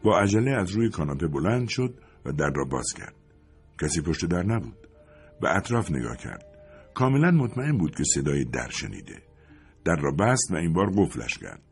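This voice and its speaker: A man reading a story aloud as narrator, in an expressive, measured way. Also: sits low, vocal fry, soft background music.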